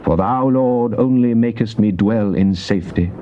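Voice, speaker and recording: A British actor with a lowish male voice gives a lightly acted, classical stage reading of scripture as a devout psalmist pleading with and praising God. The delivery is solemn, declamatory and measured, with a trusting mood. It was captured on a dull, noisy old cassette tape.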